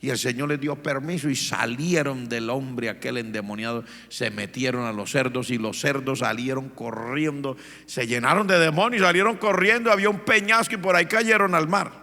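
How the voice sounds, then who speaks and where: A male pastor from Colombia preaching a sermon with dramatic storytelling that rises into shouts. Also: mid-range voice, normal speed, hardly any pauses. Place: church. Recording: reverberant church hall.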